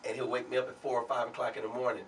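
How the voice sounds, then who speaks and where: A man who is a singer and a guest on a talk show. He tells stories from his career in a relaxed way. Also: mid-range voice, rapid-fire, far from the mic, a little hiss or hum. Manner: relaxed anecdotal storyteller. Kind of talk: storytelling in an interview.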